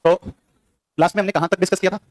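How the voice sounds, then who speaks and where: A male teacher giving a classroom lecture, quizzing his students with quick questions. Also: sits high, steady tone, a little mellow, dry recording.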